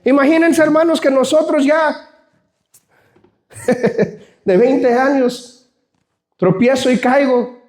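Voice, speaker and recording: A man's voice: very high voice, slow pace, pauses often, a little mellow. A man preaching a sermon fervently, often calling out to the congregation as brothers.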